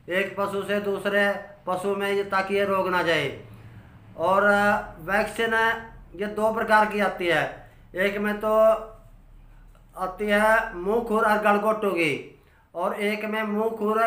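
A dairy farmer from Haryana, India, a man in his sixties, gives informal advice while reading from notes. His bright, forceful voice barely moves in pitch, and the small curtained room at home adds a roomy echo.

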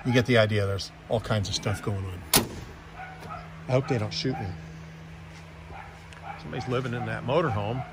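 Speaking at a moderate pace with long pauses, a man with a lowish voice guides listeners on an unscripted property walkthrough as a real estate agent. There's background noise, and his delivery is casual, folksy, offhand and full of jokes.

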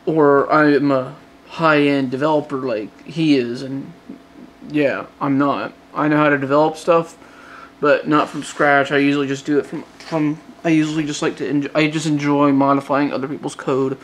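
A man's voice: a little high, flat delivery, moderate pace, a little hiss or hum. A man with a light Southern accent from Georgia, talking through a casual vlog update late at night, rambling with many restarts and fillers. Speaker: hobbyist phone modder.

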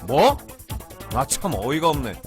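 A woman voicing an indignant male squid boat captain through a deep pitch-shifted effect, grumbling in exasperation. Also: big pitch swings, a little slow, a little mellow, faint music behind.

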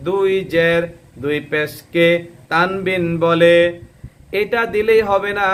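A man's voice: high voice, a bit bright. A man leads a Quran reading lesson. He drills syllables again and again and puts questions to himself before answering them. A faint hum of the room sits behind him. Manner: drills syllables by repetition, asks and answers his own questions.

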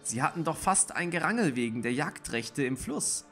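Brief: outspoken young tomcat, a man doing him, a touch higher. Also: expressive, normal speed, fairly bright tone, faint music behind. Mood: puzzled.

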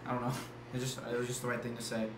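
A man's voice: mid-range voice, completely flat delivery, racing. Young guy streaming, roasting his buddy and reading donations, bit of background hum. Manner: teasing, reads out donations. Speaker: livestream host. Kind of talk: casual livestream banter. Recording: echoey room, faint noise.

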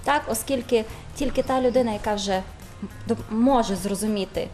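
A woman lecturer on a studio interview panel, speaking in a measured, formal way with small hesitations. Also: on the high side, darkish tone, soft background music. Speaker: language lecturer.

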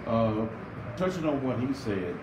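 A man's voice: mid-range voice, very animated, a little slow. A man interviewing a coach and players at a post-game press conference, with chatty, rambling lead-ins to his questions. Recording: roomy distant sound with loud background noise.

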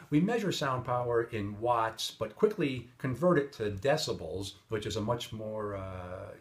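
A middle-aged man presenting an instructional lesson on lapel mic, explaining steadily with everyday examples and "uh" fillers. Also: mid-range voice. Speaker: HVAC sales engineer presenter. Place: indoor studio with plain grey backdrop.

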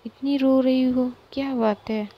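Woman voicing a gentle comforting father. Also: sits high, fairly even intonation, a little slow, lo-fi sound, voice pushed up. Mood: tender. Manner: gentle, reassuring, lecturing softly. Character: caring father comforting his teenage daughter.

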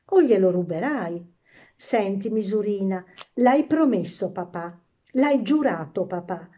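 A woman's voice: medium pitch, big pitch swings, slow pace, dark tone. A woman voicing a spoiled, curious little princess who talks in a whiny, demanding way.

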